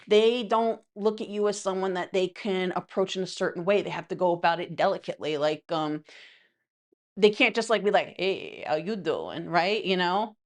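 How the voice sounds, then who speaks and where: A woman giving a casual tarot reading in a chatty, rambling way, full of asides. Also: mid-range voice. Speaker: tarot reader.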